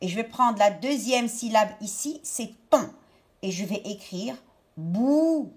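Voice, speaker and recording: A woman teacher talking young pupils through a worksheet step by step, stretching out each word slowly. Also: medium pitch. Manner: slow, step-by-step, drawn-out words for young pupils. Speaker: primary school teacher. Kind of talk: remote lesson explaining a worksheet.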